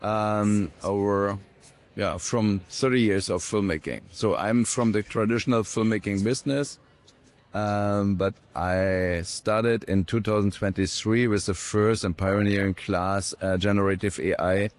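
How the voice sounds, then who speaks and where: Man, 50s, lowish voice, hesitant, lots of fillers, juror in interview. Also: fairly even intonation, a little slow. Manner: hesitant, many fillers and repeated words. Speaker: program director, jury member. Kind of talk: casual interview answers.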